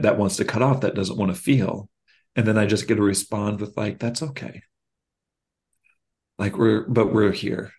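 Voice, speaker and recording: Low-voiced man, casual podcast talk, candid and halting, lots of ums and restarts. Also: a little mellow. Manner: halting, frequent fillers and restarts; candid and reflective.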